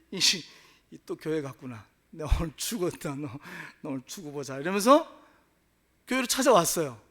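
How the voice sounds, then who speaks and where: A male pastor preaching a story-driven sermon in a church. His voice sits high and rises and falls with great animation, dramatizing every turn. He addresses the congregation directly. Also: fairly bright tone. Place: church sanctuary.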